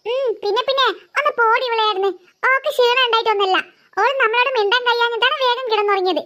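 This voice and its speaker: A blundering cartoon boy stammers and blurts things out. His voice is very high and bright. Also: fast. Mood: blurting. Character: blundering, blunt-spoken little boy.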